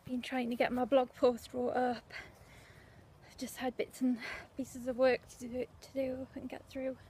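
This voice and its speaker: This is a young woman's casual walking vlog on a windy street, where she rambles chattily, slightly out of breath, full of fillers and asides. Her high-pitched voice is warm, level in tone, and measured in pace, with wind and faint background noise in the recording.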